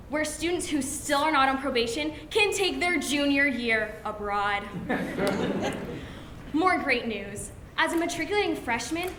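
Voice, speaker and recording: A young woman with a high voice declaims a comic monologue. Her elocution is prim and precise, with a deadpan, mock-formal air. The recording is echoey, with clear noise behind her. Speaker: student declaimer. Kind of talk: scripted comic monologue recitation to an audience. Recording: noisy, echoey room recording.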